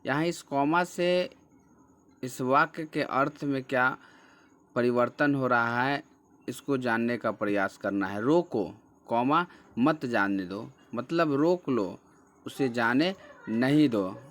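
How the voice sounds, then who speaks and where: Slow, patient male teacher. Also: mid-range voice, fairly bright tone. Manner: patient, repeats key words and asks questions then answers them. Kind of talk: slow classroom explanation of a textbook chapter.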